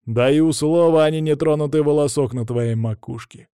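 A man's voice: a little high, normal speed, warm tone, clean tone, no echo, studio quality, close to an everyday voice. A man voicing a menacing young nobleman who taunts and threatens in an audiobook. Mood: taunting. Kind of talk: audiobook character voice.

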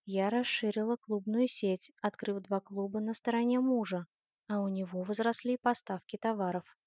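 A woman narrates a first-person novel with even, expressive storytelling. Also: medium pitch, normal speed, no room sound. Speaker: audiobook narrator.

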